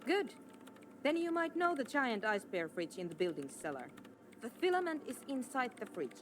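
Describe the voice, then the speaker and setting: An actress playing a proud, exasperated programmer in a video game, curt, insistent and defensive. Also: female voice, fairly high pitch, very animated, moderate pace, a little hiss or hum. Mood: matter-of-fact. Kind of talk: scripted video game dialogue.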